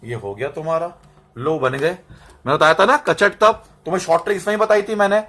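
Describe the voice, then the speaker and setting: A man with a fairly high voice leads a classroom-style lesson. He drills students through lists of terms and syllables, repeats them slowly, and keeps checking that they follow. He records it himself on a camera that he sets up and adjusts. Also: a bit bright. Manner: drills terms and asks "समझ में आ रहा है?" to check understanding. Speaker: Hindi teacher. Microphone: camera mic, set up and adjusted by himself.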